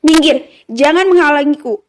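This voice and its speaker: A woman voicing an angry, jealous young man who shouts threats in an audio story. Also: high-pitched, fast talker, slight background noise, natural voice. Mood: furious. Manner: shouting, furious.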